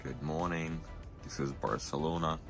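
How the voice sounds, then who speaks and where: A man's voice: extremely low pitch, steady tone, moderate pace, gravelly, faint music behind. A man chatting casually as he vlogs his working day as an assistant cruise director. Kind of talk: casual vlog chat.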